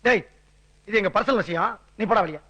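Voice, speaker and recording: A brash, bossy politician uncle who swaggers through every line. His voice sits very high and rings bright and forceful. It is a loud, boastful radio drama turn. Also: brisk, husky, dull audio. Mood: swaggering.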